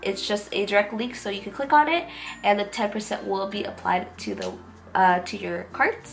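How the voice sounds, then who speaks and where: With background music playing, a woman in her twenties gushes through a casual makeup review from a small room in her home. Her medium-pitched voice swings widely in pitch, carries vocal fry, and moves at a moderate pace. It is also nasal and congested from a cold she's getting over.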